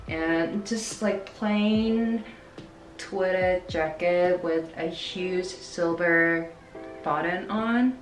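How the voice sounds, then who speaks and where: A woman, chatting casually to camera about clothes she bought, full of "like" fillers. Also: on the low side. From South Korea. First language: Korean. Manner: chatty, many "like" fillers, upbeat. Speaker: fashion vlogger. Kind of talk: casual try-on haul talk to camera. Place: plain indoor room by a wall. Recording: echoey room with music bed.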